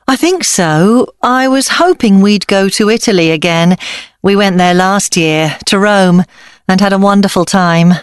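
Woman acting easygoing mum in scripted chat, friendly, mid pitch, dry sound. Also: unhurried, clean tone, no echo, natural voice. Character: easygoing mother chatting about family holiday. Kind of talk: scripted exam dialogue.

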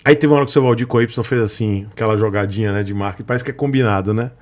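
Racing along in a slightly mellow, low-leaning voice, a motorcycle vlogger with a Brazilian Portuguese accent rants on his live stream. He's sarcastic and playful with the chat, chuckling frequently.

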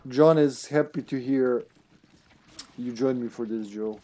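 A man with a mellow, mid-pitched voice streams a game. He talks casually and playfully, chatting away in an excitable, loose manner. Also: a little slow, soft background music. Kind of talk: casual chat while playing a co-op game.

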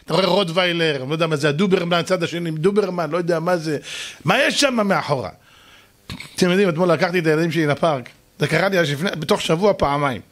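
A man giving a lively sermon to an audience, asking questions and answering them himself, and acting out shouting and calm voices. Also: on the high side. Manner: animated, mimics shouting and soft calm voices for effect. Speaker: rabbi giving a Torah lesson.

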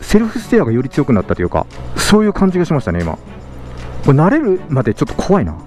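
A motovlog host narrates from his helmet while riding at a racing pace, excited and laughing, switching between loud exclamations and low muttering. It's casual commentary outdoors on a moving motorcycle, with road and engine noise plus background music.

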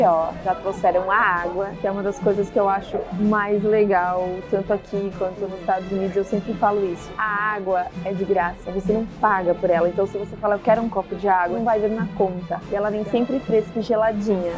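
Chatty woman hosting a travel vlog. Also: medium pitch. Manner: chatty, upbeat, explaining as she goes. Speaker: travel vlogger. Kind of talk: casual travel vlog narration.

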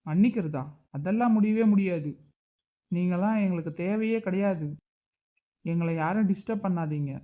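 A man voicing a hurt, stubborn uncle who scolds and grieves in an animated drama. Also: high voice, normal speed, long pauses, highs cut off, natural voice. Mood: angry. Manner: reproachful, emotional. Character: hurt, stubborn middle-aged uncle, angry but grieving.

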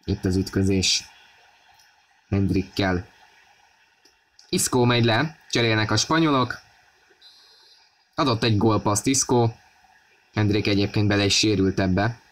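A man giving football match commentary on a video game, excited and raising his voice at key moments. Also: lowish voice, long pauses, a little hiss or hum. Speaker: sports commentator.

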